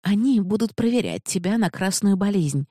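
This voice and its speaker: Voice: mid-range voice, animated, normal speed, dark tone, dry recording, pitched above the performer's own voice, close to an everyday voice. A reader voicing a brave young woman who stands up firmly to armed guards, in a dry, close recording. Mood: urgent. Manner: firm, imploring. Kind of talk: audiobook character voice.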